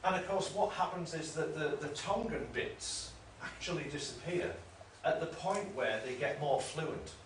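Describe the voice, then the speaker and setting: A man's voice: on the high side, a little slow, hardly any pauses. Male lecturer in a roomy, distant recording. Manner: discursive, explanatory, self-correcting. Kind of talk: academic lecture. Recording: roomy room, mic at a distance, faint noise.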